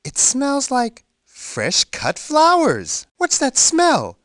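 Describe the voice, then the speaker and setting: A big, gentle bear from a children's game, full of curious wonder. The delivery is unhurried and sing-song, swinging widely up and down as he speaks kindly to young children. The sound is dry and close, with hardly any room around it. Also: very high-pitched, huge pitch swings, no room sound, exaggerated voice. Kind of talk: children's edutainment game voice lines.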